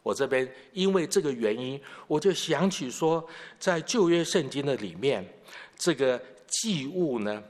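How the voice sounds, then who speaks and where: A man's voice: medium pitch, lively intonation, unhurried, in a large hall. A man preaching a sermon who explains scripture at length and poses questions to the congregation. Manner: expository, poses rhetorical questions. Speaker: pastor.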